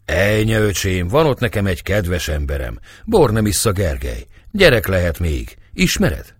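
A man voicing a calm, kindly older captain who speaks in a fatherly, measured way. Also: low voice, husky, exaggerated voice.

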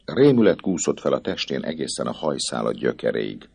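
Male narrator, very deep gravelly voice, husky texture, lively expressive delivery. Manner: expressive, rising and falling with the drama. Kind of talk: dramatic audiobook narration.

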